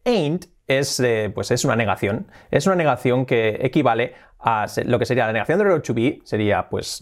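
A man gives an online English lesson in a lively, emphatic way. He repeats his words and example sentences over and over to drive each point home. His voice sits at an everyday middle pitch. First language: Spanish. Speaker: English teacher.

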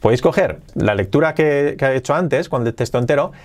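Male podcast English teacher, mid-range voice, explanatory classroom delivery with slow drilled examples. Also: mid-range voice, expressive. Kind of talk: Spanish-language English lesson.

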